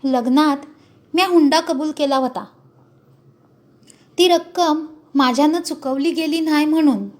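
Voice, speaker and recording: A woman's voice: high-pitched, unhurried, pauses often. A woman voicing a frightened, humble older village father who pleads in a storybook reading. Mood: fearful.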